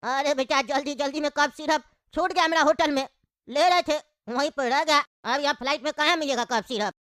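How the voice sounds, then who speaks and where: A woman's voice: high-pitched, fairly quick, a bit bright, no echo, studio quality. A woman voicing an elderly father with a cough and a chest cold, complaining and stubborn. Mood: grumbling. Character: coughing old father on a flight, grumbling and stubborn.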